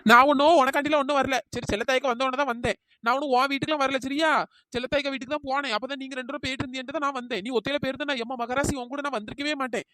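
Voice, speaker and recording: A woman voicing a hot-tempered, argumentative village woman who shouts insults in a cartoon. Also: high voice, fairly even intonation, very fast. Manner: loud, abusive, argumentative. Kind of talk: cartoon voice acting.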